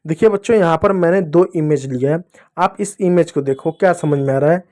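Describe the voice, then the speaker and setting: High-voiced man teaching kids to read. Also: darkish tone. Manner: repeats questions to the class, drills sounds slowly. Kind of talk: children's Hindi reading lesson.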